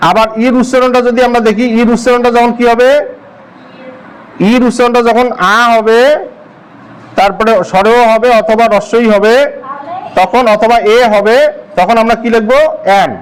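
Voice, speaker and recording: A man's voice: extremely high pitch, fairly even intonation, moderate pace, pauses often, clear, resonant tone, poor audio. A male English teacher from Bangladesh giving a classroom grammar lesson, asking the class the same question again and again. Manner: drills the class with repeated questions.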